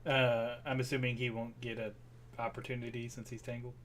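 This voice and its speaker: A man's voice: mid-range voice, little pitch movement, brisk. A man playing a tabletop game, talking loosely and casually. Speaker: player. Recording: noisy mic with keyboard clicks.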